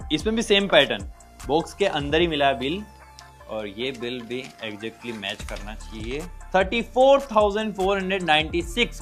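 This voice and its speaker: A young man doing a casual, excited unboxing review of used phones, chatty and talking straight to his viewers. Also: a little high. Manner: excited, chatty, calls viewers brother and guys. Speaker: tech reviewer.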